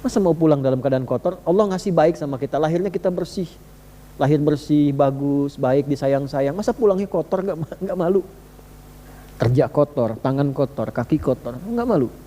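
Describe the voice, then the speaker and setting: A man's voice: fairly high pitch, moderate pace, dark tone, in a large hall, slight background noise. A male preacher delivering a sermon in a conversational, emphatic way, repeatedly asking his listeners rhetorical questions. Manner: conversational, addresses listeners directly.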